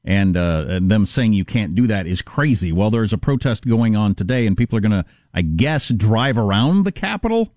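A man's voice: lowish voice, very animated, moderate pace, darkish tone, dry recording, clean studio sound. A man hosting a talk radio show, opinionated and conversational, pushing the interview along.

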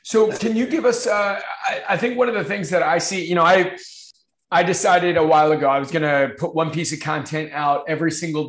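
A man hosting a casual interview, speaking haltingly and often repeating his phrases. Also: a little high, a bit bright. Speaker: host. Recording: roomy, echoing sound.

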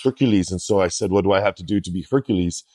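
A man's voice: deep voice, racing, dark tone, no room sound. A man in his forties from the US hosting an interview, laid-back and enthusiastic, with lots of "like" in his speech. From United States. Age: 40s. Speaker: podcast host. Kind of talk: casual interview chat.

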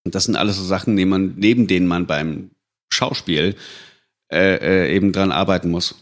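A man's voice: low-pitched, fairly even intonation, moderate pace. A man, a voice actor guest on a casual podcast, giving advice with frequent hesitations.

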